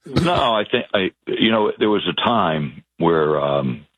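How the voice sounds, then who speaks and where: A man from Massachusetts with a Boston accent, a guest in a political interview, talking haltingly with many fillers and restarts. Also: low voice, animated, narrow, tinny audio.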